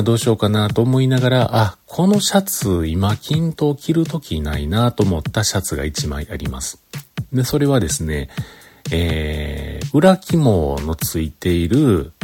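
Stuffy-nosed Kansai man, low-pitched, as if holding breath. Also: a little mellow. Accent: Kyoto Kansai. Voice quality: congested, blocked nose. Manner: talks as if holding his breath. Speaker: host of a recorded solo talk show. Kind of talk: casual chat monologue.

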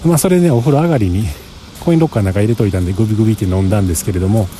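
A man's voice: fairly low pitch, racing, dark tone, a little hiss or hum. A man with a Kansai accent, chatting in a rambling, self-mocking way for a casual travel diary while walking outdoors across a parking lot. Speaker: travel vlogger.

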